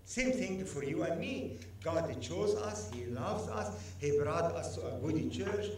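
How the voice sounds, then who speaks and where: A man preaching a sermon as guest speaker, emphatic and animated, drawing the congregation into call-and-response. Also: on the high side, unhurried, a little hiss or hum. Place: church sanctuary. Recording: echoey church hall, mic at a distance.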